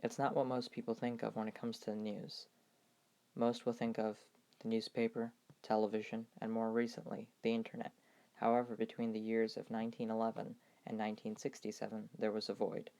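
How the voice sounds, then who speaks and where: A man reading scripted documentary narration in a measured, even, gravelly voice. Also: fairly low pitch.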